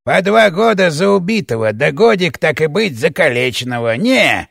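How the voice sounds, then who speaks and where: Man doing a gravelly, sneering old chief. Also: on the high side, very animated, fairly bright tone, no echo, studio quality, exaggerated voice. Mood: mocking, haggling. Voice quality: gravelly creaky voice. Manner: slow, sneering, threatening drawl. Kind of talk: audiobook character voice.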